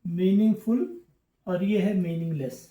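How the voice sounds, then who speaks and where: A man's voice: high voice, expressive, unhurried, warm tone, lo-fi sound. Patient man teaching in an echoey room. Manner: patient, repetitive explaining, checking in often. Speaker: English teacher. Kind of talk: classroom-style grammar lesson.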